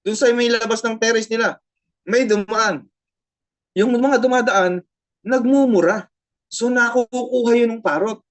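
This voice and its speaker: A woman's voice: on the high side, unhurried, long pauses. A woman pastor with a Filipino accent, preaching a sermon, switching between Tagalog and English, repeating phrases and asking the congregation frequent tag questions.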